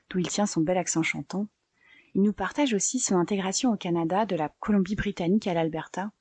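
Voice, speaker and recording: A woman hosting a podcast, reading a calm, measured scripted introduction. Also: lowish voice, slightly rough, dry recording. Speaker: podcast host. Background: soft guitar music.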